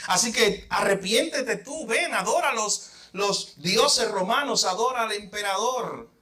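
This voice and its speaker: A man's voice: high voice, animated, a little slow, pushed and bright, full character voice. A man voicing a stern ancient Roman governor in a sermon story, speaking in a commanding way. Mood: demanding. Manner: commanding, demanding.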